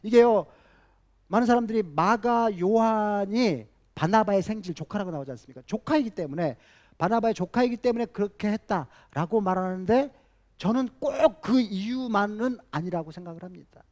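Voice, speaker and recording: A man's voice: high voice, expressive, normal speed, darkish tone. A man preaching a sermon as a pastor, emphatic, repeating key phrases and putting rhetorical questions to the congregation.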